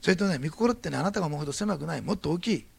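A man preaching a sermon, his voice heavily gravelly and husky. He speaks fast, with wide swings of pitch as he acts out the people in his anecdote before turning to prayer. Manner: lively storytelling, acting out quoted dialogue. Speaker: pastor.

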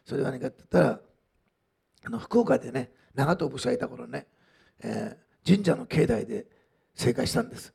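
Man in sermon mode, husky and gravelly, chatty asides, lively pitch. Pastor type. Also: normal speed. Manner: conversational, frequent "ね" asides, many fillers. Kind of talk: sermon with testimony.

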